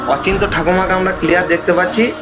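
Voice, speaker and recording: A man's voice: sits high, fairly even intonation, fast, noisy background. A man telling a ghost story in a casual chat, repeating phrases for effect. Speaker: guest storyteller.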